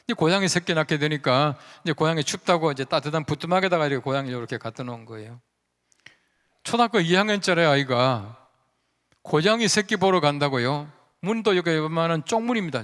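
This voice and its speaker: Male pastor preaching in a reverberant sanctuary. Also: on the high side. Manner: conversational, animated storyteller who acts out quoted voices; leads the congregation in call-and-response. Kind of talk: storytelling sermon. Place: large church sanctuary.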